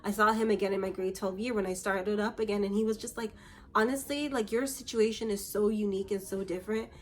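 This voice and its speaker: A young Canadian woman vlogs casually, telling a story to the camera in a chatty way and acting out the voices of the people in it. Her voice is mid-range with fairly even intonation, and she talks fast.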